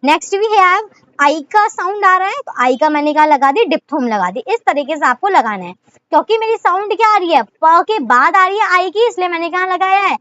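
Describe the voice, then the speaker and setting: High-voiced Indian woman teaching a lesson. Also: lively intonation, moderate pace, a bit bright, no echo, highs cut off. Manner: explains step by step with frequent rhetorical questions. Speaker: shorthand teacher. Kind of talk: casual video lesson.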